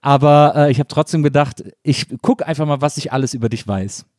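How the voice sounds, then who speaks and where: A man's voice: a little high, brisk, darkish tone, no room sound, studio quality. A man hosting a podcast, chatting loosely with many fillers and restarts. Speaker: podcast host. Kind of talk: casual podcast chat.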